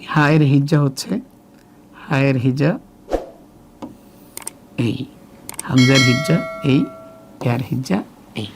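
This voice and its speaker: A Bangladeshi Bengali-accented man teaching Arabic letters to children, slowly and patiently, repeating each letter as he points. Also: medium pitch, vocal fry, darkish tone, slight background noise. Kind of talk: step-by-step workbook lesson.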